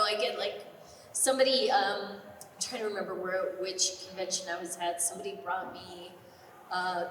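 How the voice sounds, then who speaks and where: A woman voice actor on a convention panel, chatty and animated, telling stories with many fillers. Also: medium pitch, distant mic. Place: large convention hall. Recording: echoey hall audio from afar, faint noise.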